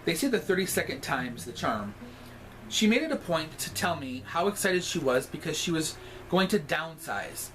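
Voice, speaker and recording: Sassy drag queen storyteller, higher-pitched male voice. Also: very animated, normal speed, background noise. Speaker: storyteller reading aloud. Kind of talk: scripted comic storytime reading.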